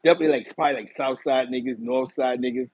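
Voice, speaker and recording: A middle-aged host from East Harlem, New York City, with a New York accent, tells stories to a live chat from a small, bright indoor room, animated and gesturing a lot as he reminisces. His voice is medium-pitched and quick, with a breathy edge. The recording is dry and dull.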